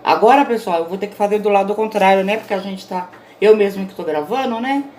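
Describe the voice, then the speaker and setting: A woman's voice: mid-range voice, fast, darkish tone, a little hiss or hum. A woman teacher recording her own online grammar lesson, explaining patiently and checking in with her students often. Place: indoors, self-recorded at home.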